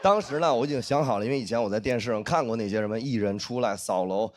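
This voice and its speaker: A man performing a stand-up comedy set, telling a story in an animated way and acting out the dialogue. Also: medium pitch, fast. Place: stage in front of a live audience.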